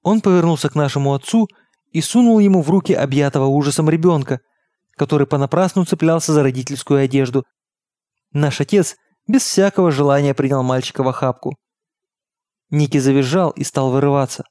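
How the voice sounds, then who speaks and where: A man narrates a novel in a steady, measured way. His voice sits a little high and sounds mellow and soft. The recording is dry and close, with no room sound. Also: dry recording. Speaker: audiobook reader. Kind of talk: scripted narration.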